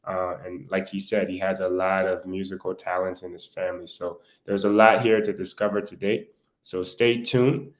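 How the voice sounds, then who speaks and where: A man's voice: sits low, normal speed. A man hosting a live online talk show, interviewing a guest and chatting casually to viewers. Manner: relaxed, conversational, filling time to camera.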